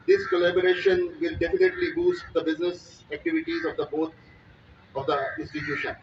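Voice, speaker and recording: A quick-speaking man addresses a signing ceremony and slips between English and Hindi-Urdu. His slightly raised voice sounds distant and dull. A faint hiss runs underneath. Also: a little high, steady tone. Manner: fast, mixing English and Hindi-Urdu phrases. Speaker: bank executive. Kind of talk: formal ceremony speech.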